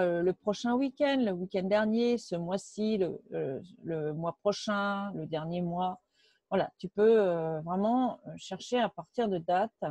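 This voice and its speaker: Mellow-voiced woman talking through a tutorial. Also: mid-range voice, no echo. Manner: chatty, loose, full of "hop" and "voilà" as she clicks. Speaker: tutorial presenter. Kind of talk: casual screen-share software tutorial.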